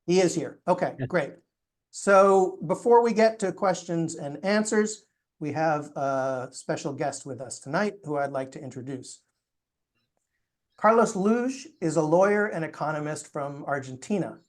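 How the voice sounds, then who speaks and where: A man reading a prepared economics lecture in a measured, explanatory way, his voice going hoarse. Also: a little high, expressive. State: losing his voice. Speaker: course presenter.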